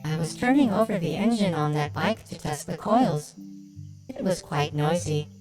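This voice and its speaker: A man voicing a calm, courteous female robot through a robot voice changer, reading game lines in a measured, polite way. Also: loud music behind the voice. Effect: robot voice changer, pitched down. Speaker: streamer voicing a game character.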